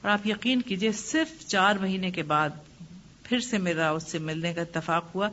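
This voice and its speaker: A woman religious teacher giving a lecture and answering questions, advising gently through personal stories. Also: lowish voice. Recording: muffled lo-fi with faint hiss.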